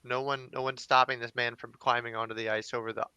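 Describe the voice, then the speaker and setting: Bright-voiced man cracking jokes. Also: medium pitch, little pitch movement, clear, resonant tone, no echo, muffled recording. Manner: jokey, quick interjections. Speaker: podcast co-host. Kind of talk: casual movie review chat.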